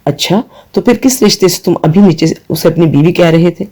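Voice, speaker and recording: A man voicing a mocking conscience that speaks from a mirror, slow and taunting. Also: high voice, dark tone.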